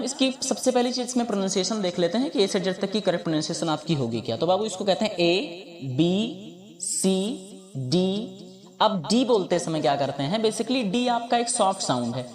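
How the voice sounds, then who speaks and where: A man teaching an English pronunciation lesson, patiently drilling each letter and calling his listeners "babu". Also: sits high. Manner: patient, repeats each sound slowly, calls listeners "babu"; drills letters one by one, contrasting wrong and right sounds. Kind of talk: spoken pronunciation lesson for viewers.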